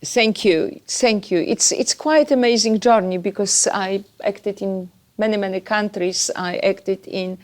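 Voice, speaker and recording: A woman from Poland with a Polish accent, a podcast guest chatting about her life and career with pauses and fillers. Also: mid-range voice. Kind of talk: podcast interview.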